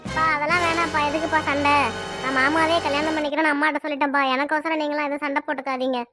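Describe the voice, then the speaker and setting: A woman voicing a tearful, resigned young adult daughter in a cartoon, speaking in Tirunelveli Tamil with sad, pleading, quick talk. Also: high voice, flat delivery, sharp tone, soft background music. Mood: upset. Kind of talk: cartoon dialogue.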